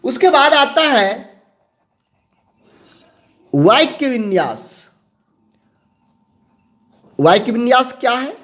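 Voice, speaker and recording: Guy teaching exam prep, really high lively voice, slow, keeps repeating terms. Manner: slow, repeats key terms, asks and answers own questions.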